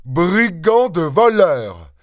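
A man voicing a brutish, angry peasant farmer in an audiobook, gruff and bullying. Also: mid-range voice, lively intonation, unhurried, dry recording, clean studio sound, natural voice. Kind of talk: audiobook character voice.

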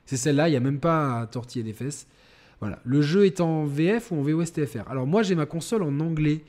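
A man's voice: on the high side, animated, quick pace, darkish tone. A man hosting a live game stream, chatting casually with viewers and rambling, with many fillers and restarts. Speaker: gaming channel host.

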